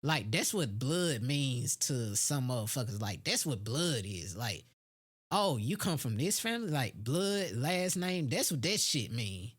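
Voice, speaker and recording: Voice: medium pitch, big pitch swings, unhurried, breathy edge. An American speaker in a casual, unscripted opinion monologue, blunt and heavily profane, using street slang and repeating phrases for emphasis. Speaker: podcast host.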